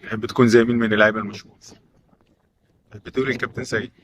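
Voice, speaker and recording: This Egyptian-accented man interviews young players at a youth football academy, racing through short questions and repeating their replies. His voice is medium-pitched, level and fairly bright, and the recording has a little hiss or hum.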